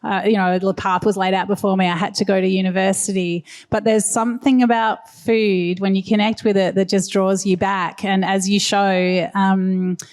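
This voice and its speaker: A woman's voice: mid-range voice, level tone, moderate pace, few pauses, darkish tone. A woman food journalist moderating a festival panel, chatty and repeating small words.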